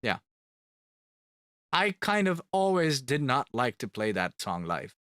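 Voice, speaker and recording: This Finnish-speaking band member talks casually on a live stream, reading out fan questions, answering them, and repeating words to stress them. His mid-range voice is slightly bright, slow, and full of big pitch swings. The studio-quality recording has no room sound.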